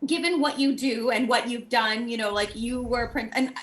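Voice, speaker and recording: A woman co-host chatting casually, asking questions and telling stories in a relaxed way. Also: fairly high pitch, moderate pace. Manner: relaxed, storytelling, asks questions. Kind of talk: casual chat.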